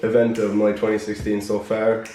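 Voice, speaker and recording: A young man chatting casually as a fitness vlogger, his voice hoarse and worn, chuckling between answers. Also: lowish voice, monotone, normal speed, warm tone. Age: young adult. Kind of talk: casual chat. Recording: echoey room with music behind.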